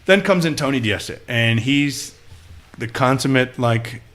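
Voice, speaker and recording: A man's voice: mid-range voice, a little slow. A man from Austin, Texas, a podcast guest telling stories in a casual interview and acting out the people he quotes. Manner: animated storyteller who acts out quoted people.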